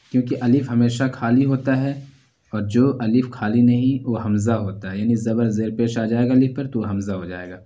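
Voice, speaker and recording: A man's voice: mid-range voice, warm tone. A man teaching Quran letter reading step by step, patiently repeating each syllable in a drill.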